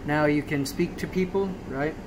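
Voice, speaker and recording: A fairly high-pitched man records a casual screen walkthrough on his phone, held up to a laptop in a small indoor room. His delivery is halting with frequent check-ins, and the home video carries noise and a steady hum.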